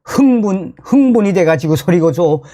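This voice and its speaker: Man, North Korean accent, emphatic commentary host, mellow dark tone, fairly high pitch, repeats phrases. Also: animated, normal speed. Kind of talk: news commentary monologue to viewers.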